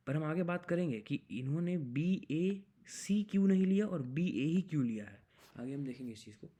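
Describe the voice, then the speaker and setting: Young male coding tutor, mellow and warm tone, patient step-by-step explainer mixing English into Hindi. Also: fairly high pitch. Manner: explains step by step, mixes English into Hindi, reads problem text aloud slowly. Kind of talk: screen-recorded coding explanation.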